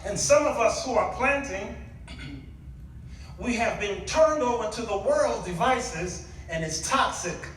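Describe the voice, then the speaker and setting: Slow and animated, a man with a high-pitched, fairly bright voice preaches as a guest at a church, moving from conversational storytelling to emphatic exclamation in a call-and-response sermon. A distant mic picks him up indoors in an echoey church hall with faint noise.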